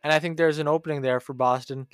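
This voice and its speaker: Smooth-voiced man in casual sports chat. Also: on the high side, quick pace, no room sound, clean studio sound. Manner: animated, mimics fans in a whiny voice. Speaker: podcast co-host.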